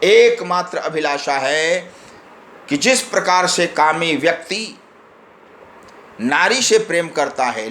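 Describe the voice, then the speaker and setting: A man's voice: a little high, a bit bright, echoey room, a little hiss or hum, low-quality recording. A man giving a religious discourse, reciting verses and then explaining each one. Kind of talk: scripture discourse.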